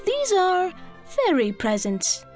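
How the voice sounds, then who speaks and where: A woman voicing a kindly, gracious fairy godmother who speaks softly and patiently in a storybook reading. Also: very high-pitched, wildly swooping pitch, takes it slowly, faint music behind, pitched above the performer's own voice, exaggerated voice. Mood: gentle.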